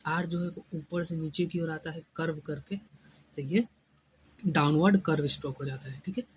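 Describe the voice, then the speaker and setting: A man's voice: on the high side, fairly even intonation, moderate pace, a little hiss or hum, low-quality recording. A man teaching shorthand step by step, patient and repetitive, often checking in with his listeners. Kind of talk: step-by-step lesson explanation.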